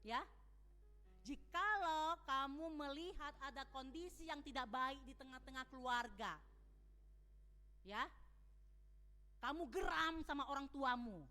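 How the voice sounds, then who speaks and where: Bright-voiced woman pastor preaching in an echoing church. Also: high voice, measured pace, pauses often, soft background music. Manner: lively preaching with rhetorical questions to the congregation. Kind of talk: sermon. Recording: long church hall reverb.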